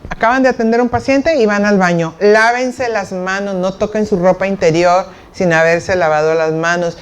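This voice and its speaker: Lively woman giving a nursing lecture. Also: medium pitch. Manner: lively, teasing, acts out patient dialogues. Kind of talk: conference lecture.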